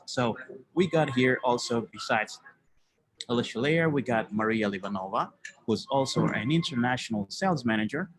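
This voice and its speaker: A man's voice: mid-range voice, expressive, moderate pace, low-quality recording. A man from Haiti hosting an online business webinar, talking loosely with many fillers over a computer mic. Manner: loose and chatty, many fillers like "you know". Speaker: webinar presenter. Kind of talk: live webinar presentation.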